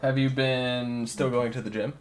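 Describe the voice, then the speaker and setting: A man's voice: medium pitch, little pitch movement, normal speed. A young man co-hosting a podcast, talking loosely in casual chat, swearing freely and laughing often. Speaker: podcast co-host.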